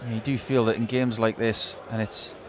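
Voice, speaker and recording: A man's voice: lowish voice, level tone, moderate pace. A man giving analytical, chatty live commentary as a darts co-commentator. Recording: crowd noise behind commentary. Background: darts crowd.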